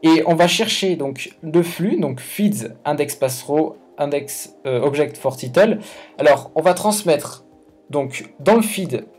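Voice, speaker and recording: A YouTube host runs a casual coding tutorial, thinking aloud in informal slang full of hesitations and self-corrections. His voice is on the high side yet darkish and husky, expressive and slow, with faint music in the background.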